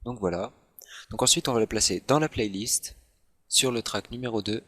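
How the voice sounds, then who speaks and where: A man talks through a software tutorial at his computer, step by step and unhurried, dropping the odd self-mocking aside. His voice sits a little low yet comes across bright and forceful. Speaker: tutorial host. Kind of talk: screen-recorded software tutorial.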